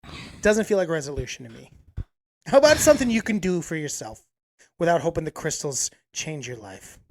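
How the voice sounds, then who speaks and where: A woman in her late thirties co-hosts a podcast, teasing and mock-scolding her friend in casual chat, recorded together in person in an apartment room. Her low voice swings widely in pitch and moves briskly. The audio is studio quality with no room sound.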